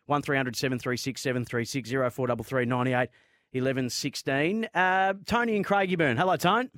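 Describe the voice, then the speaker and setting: Australian radio host, dry close studio sound. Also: male voice, medium pitch, brisk, fairly bright tone, no echo. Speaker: sports talk radio host. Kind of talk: conversational radio monologue and caller chat. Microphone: close studio microphone.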